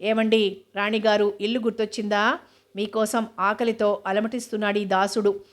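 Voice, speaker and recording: A woman's voice: mid-range voice, flat delivery, normal speed, lightly acted. A woman reading the lines of a joking husband in a storybook, speaking in a mock-formal way.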